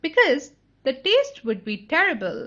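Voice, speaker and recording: Casting: calm amused eccentric man, read by a woman, slow, bright and lively, lo-fi. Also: sits high, voice pushed up, full character voice. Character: eccentric giggling male chocolate maker, calm.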